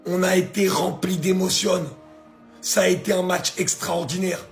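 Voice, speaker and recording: Hoarse man raving about a match. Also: high-pitched, level tone, moderate pace, soft background music. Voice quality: gravelly, strained voice. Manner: grandiose, emphatic. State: hoarse from shouting. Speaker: football content creator. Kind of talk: excited match reaction.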